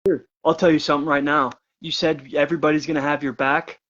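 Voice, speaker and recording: A man's voice: a little high, flat delivery, fast, a bit bright. A man trash-talking a rival wrestler over a phone call in a brash, taunting, profane manner. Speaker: pro wrestler hyping a match.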